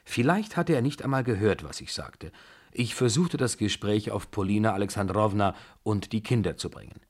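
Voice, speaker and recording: A man with a fairly low voice reads a classic novel aloud for the radio. His storytelling is measured and expressive. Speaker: reader. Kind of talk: audiobook reading of a novel.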